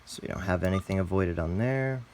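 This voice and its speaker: A deep-voiced man, talking a little fast over background noise, hosts a step-by-step product tutorial. His tone is casual and plainly instructional, and he calls the viewers "guys."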